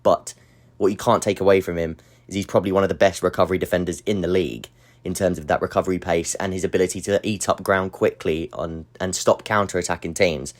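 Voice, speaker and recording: Low-voiced man breaking down football tactics. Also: steady tone, quick pace. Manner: analytical, explaining step by step. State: slightly breathless. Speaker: football analysis channel host. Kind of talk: tactical football analysis voice-over.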